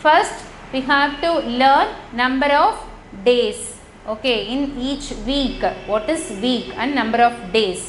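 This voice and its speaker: A woman with a Tamil accent teaches young children, spelling words out letter by letter. Her voice sits high and she speaks slowly. The sound is roomy, with a faint hiss behind it. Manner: slow, spells words letter by letter and switches between Tamil and English. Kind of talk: classroom lesson for young children. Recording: echoey room with faint noise.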